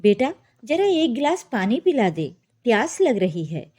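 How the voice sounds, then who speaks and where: Elderly loving mother, soft and tender, with a mellow, slow voice, read by a woman. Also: a little high, sing-song, husky, full character voice. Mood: pleading. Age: older.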